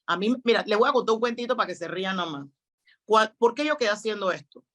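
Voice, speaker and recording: A middle-aged woman, a guest on a talk show, telling her stories in an expressive, quick, anecdotal way. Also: medium pitch. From Panama. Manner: expressive, quick anecdotal delivery with acted quotes. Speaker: guest, public speaking trainer. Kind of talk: animated storytelling in a talk show interview.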